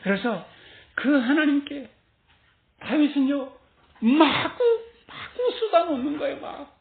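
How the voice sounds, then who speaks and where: A woman pastor preaching a sermon in an animated way, laughing often and acting out quoted voices. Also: high voice, slow pace, creaky. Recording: tinny phone-like sound in an echoey room.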